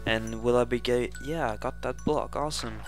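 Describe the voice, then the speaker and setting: Game music accompanies this casual playthrough, narrated at a moderate pace by a young man from Sweden with a medium-pitched voice and a Swedish accent. He hosts a gaming channel and stumbles through with plenty of fillers and self-corrections.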